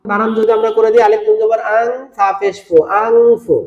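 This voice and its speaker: A man teaching tajweed recitation for children, spelling out words and then drawing them out slowly with repetition. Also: high-pitched, flat delivery, dull audio. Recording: echoey room.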